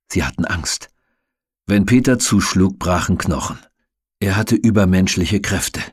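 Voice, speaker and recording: A man reading a novel aloud as an audiobook narrator, steady and measured. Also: deep voice, breathy edge, no echo, clean studio sound.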